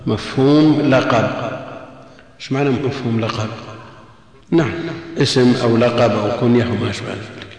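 A man giving a measured commentary lesson on a classical text, repeating key phrases and posing rhetorical questions. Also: mid-range voice, steady tone, vocal fry, a little mellow. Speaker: religious lecturer. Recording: very echoey long hall reverb.

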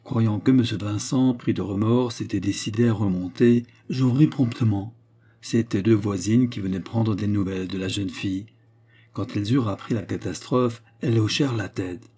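A man reads a classic novel in a measured, even storytelling voice. His tone sits low and dark with a slightly husky edge. The delivery stays steady and unhurried. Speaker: audiobook narrator. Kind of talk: literary audiobook narration.

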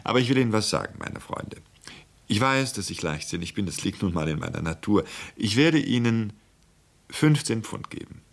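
A man's voice: fairly low pitch, big pitch swings, normal speed, pitched above the performer's own voice, full character voice. A man voicing a wily, ingratiating middle-aged antique dealer who poses as a clergyman, in a radio drama reading. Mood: wheedling. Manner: smooth, falsely modest, haggling.

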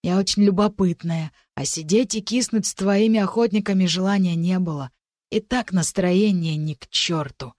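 A woman reading an audiobook, voicing a husky-voiced scarred young woman, self-assured and bitter. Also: on the low side, moderate pace, darkish tone, no room sound, clean studio sound, natural voice. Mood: smug.

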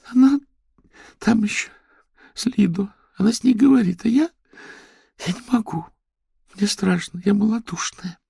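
A man's voice: normal speed, gravelly, pauses often, a little mellow, breathy edge, dry recording, studio quality, exaggerated voice. A man reading an audiobook, voicing a tearful, frightened young woman who pleads between sobs. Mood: tearful pleading. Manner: sobbing, pleading, high-pitched.

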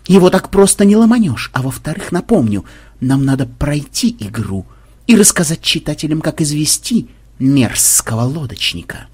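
Man doing a deadpan, sardonic hacker. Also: on the high side, moderate pace, breathy edge. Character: dry, sardonic male hacker, addresses everyone as comrades.

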